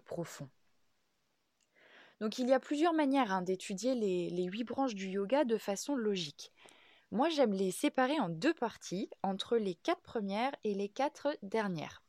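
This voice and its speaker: Woman podcast host, calm, measured teacher, dry close sound. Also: medium pitch, no room sound. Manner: calm, measured, with frequent "euh" and "donc". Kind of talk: explanatory podcast monologue.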